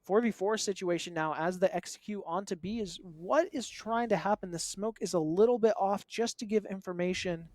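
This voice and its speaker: Young man, esports play-by-play caster, high voice, quick excitable calls. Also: no echo. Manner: fast excitable play-calling, joking asides. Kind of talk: play-by-play commentary.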